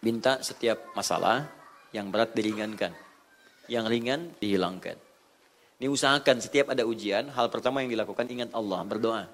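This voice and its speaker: A man preaching a sermon, animated and informal, swinging between loud emphatic bursts and soft low asides, with occasional laughter. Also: fairly quick. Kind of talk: sermon with audience questions.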